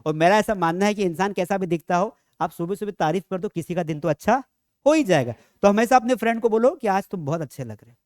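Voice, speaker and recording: A man teaching a grammar lesson in a lively classroom style, asking rhetorical questions and dropping jokey asides. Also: high voice, fast talker, no echo, studio quality. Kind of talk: classroom lecture.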